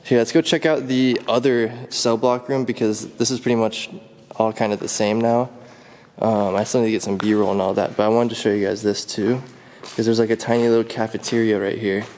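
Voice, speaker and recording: In a casual handheld exploration vlog, a young man curiously chats with viewers while walking through a vast abandoned building. His lowish voice is level, a little mellow and slightly fast, with slight background noise on the camera mic.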